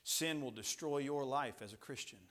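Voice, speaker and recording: A middle-aged man preaching a Baptist sermon in a church, swinging from loud passionate highs to low hushed lines and often repeating and restarting words. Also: moderate pace. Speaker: pastor. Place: church sanctuary.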